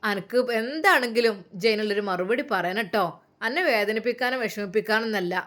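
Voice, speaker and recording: A woman's voice: fairly high pitch, fairly quick, fairly bright tone, close to an everyday voice. A woman voicing a kind, coaxing older mother in a dramatized story reading, speaking with a Malappuram Malayalam accent in a soothing, chatty way.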